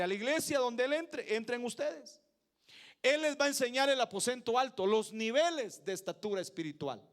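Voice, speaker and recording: A man with a Mexican accent preaching a sermon, emphatic, with loud peaks, low asides and questions put to the congregation. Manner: emphatic, swings between loud peaks and low asides, asks the crowd for agreement.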